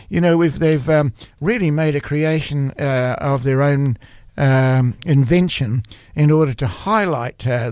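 Halting New man hosting on radio. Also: medium pitch, darkish tone, no echo, clean studio sound. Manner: halting, searching for words, frequent restarts. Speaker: community radio arts show host. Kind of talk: casual radio talk about art exhibitions. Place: radio studio.

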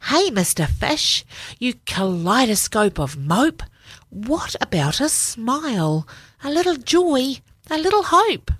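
A woman's voice: on the high side, sing-song, takes it slowly, a bit bright, breathy edge, no echo, voice pushed up, heavily acted. A woman voicing a squirmy, slightly impolite female squid. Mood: pert.

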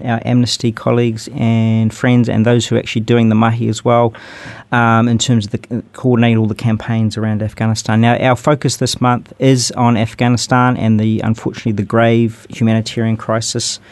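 A man's voice: mid-range voice, little pitch movement, normal speed, a little mellow, clean tone, no echo. Male radio host, New Zealand accent, conversational, rambling, appreciative, dry sound. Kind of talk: conversational interview.

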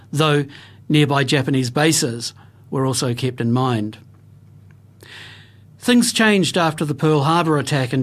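A man, narrating a scripted history report for radio in a grave, even-paced manner. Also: fairly high pitch.

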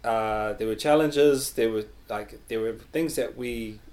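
A man's voice: mid-range voice, unhurried, a little mellow. A man chats as an interview guest, explaining his work in an easygoing, hesitant way. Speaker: guest, public health worker. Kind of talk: casual interview conversation.

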